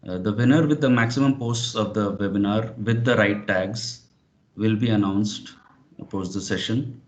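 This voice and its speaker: A man's voice: on the low side, normal speed. A man presenting an online webinar, speaking hesitantly with many fillers like "you know". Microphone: video call. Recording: dull lo-fi video call audio.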